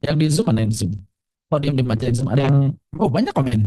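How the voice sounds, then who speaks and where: A man with an Indonesian accent teaching Quran recitation in a casual lecture, asking the class questions and slowing down to demonstrate words. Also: medium pitch. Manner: lively, asks the audience questions; slows right down to demonstrate recitation.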